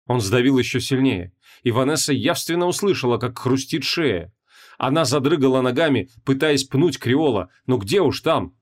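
Reading from a script at a moderate pace, a male narrator tells a fantasy story with drama and expression. His voice sits in the middle range yet stays animated and lively, and the storytelling remains steady throughout.

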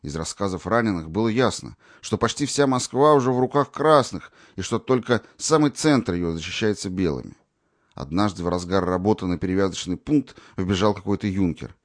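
A man reading an audiobook in an expressive narrating voice. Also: deep voice, brisk, no echo, studio quality. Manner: expressive, varied.

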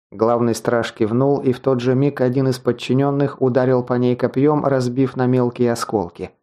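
A man narrating a fantasy audiobook in a steady, measured storytelling manner. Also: mid-range voice. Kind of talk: scripted narration.

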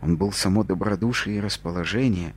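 A man's voice: low voice, fairly quick, a little hiss or hum. A man reading a novel aloud in the first person, dramatic and intense. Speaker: audiobook reader.

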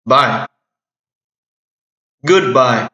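Slow, bright-voiced man drilling phrases. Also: medium pitch. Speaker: English teacher. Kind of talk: audio language lesson. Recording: echoey, dull lo-fi audio.

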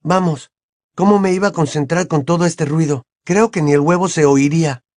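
A man's voice: on the high side, moderate pace, a little mellow, no room sound, voice pushed up, close to an everyday voice. A man voicing a teenage boy wizard who talks in a dry, slightly exasperated way. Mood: wry. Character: teenage boy wizard, wry and a little defensive.

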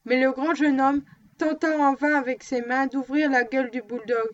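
A woman reading a novel aloud in a steady, even narration. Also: sits high, moderate pace, dull audio. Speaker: audiobook reader.

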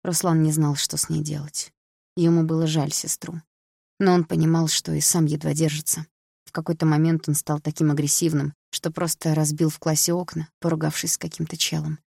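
A woman narrating a novel as an audiobook, in an even, measured reading. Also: sits low, creaky, slightly rough, no echo, studio quality.

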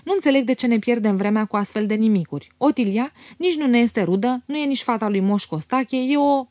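A cold, disdainful woman, as the reader voices her, soft and languidly malicious. The pitch rises a touch above the reader's usual tone. Dry audiobook recording. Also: dry recording, lightly acted.

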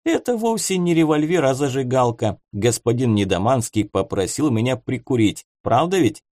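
Audiobook figure: a man as a cocky streetwise young soldier, slangy and mocking, lively voice, dry sound. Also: mid-range voice, moderate pace, no echo, natural voice. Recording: dry close studio sound.

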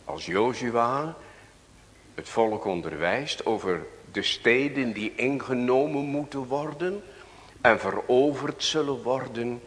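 A man's voice: mid-range voice, takes it slowly, fairly bright tone, long reverb tail. A Dutch man preaching a sermon as pastor, reading scripture aloud and putting questions to the congregation.

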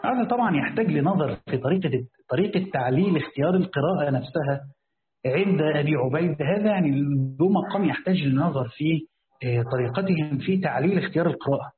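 A man's voice: fairly high pitch, animated, fast talker. A man with an Egyptian accent, a sheikh reading a classical Quran commentary aloud and explaining it in casual asides. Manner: switches between formal reading and casual asides, thinking aloud. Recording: echoey, phone-like, faint hiss.

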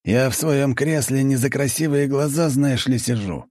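A man's voice: mid-range voice, moderate pace, a little mellow, no echo, clean studio sound, pitched above the performer's own voice, natural voice. A man voicing a blunt, chain-smoking count who swears and talks sardonically, reading an audiobook. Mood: gruff.

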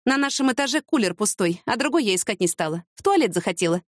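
Woman voicing a fiery, high-pitched young woman. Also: animated, no room sound, studio quality, lightly acted. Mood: insistent. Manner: heated, emphatic, quick retorts. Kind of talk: audiobook character reading.

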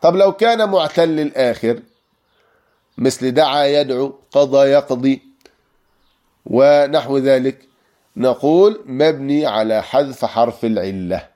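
A man teaching a grammar class. His voice is mellow and sits at a middle pitch. He explains each rule patiently, repeats his examples, and pauses on hesitant fillers.

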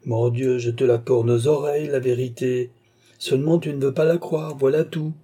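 A man's voice: mid-range voice, steady tone, normal speed, dark tone, husky, close to an everyday voice. A man voicing an old, vain French duke who banters and dodges, his retorts rising in exasperation. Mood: exasperated. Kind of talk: audiobook character reading.

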